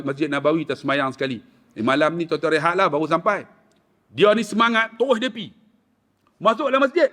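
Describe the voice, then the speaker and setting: A man with a Kedah Malay accent giving a mosque lecture, telling a story in an animated way and acting out the people in it. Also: big-room sound. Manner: animated, acts out quoted voices, sudden rises in pitch. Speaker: preacher.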